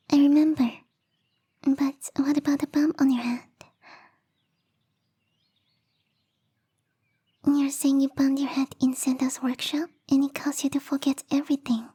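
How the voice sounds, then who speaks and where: Here the same woman voices the lonely, bubbly young snow spirit with a high-pitched, soft whisper, sweet and pleading in ASMR roleplay. She sounds excited and hopeful.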